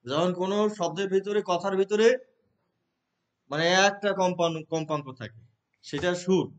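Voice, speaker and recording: A Bangladeshi man teaching a class of trainee teachers, explaining terms, reading English definitions slowly and asking the room questions. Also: high voice. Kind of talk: classroom lecture.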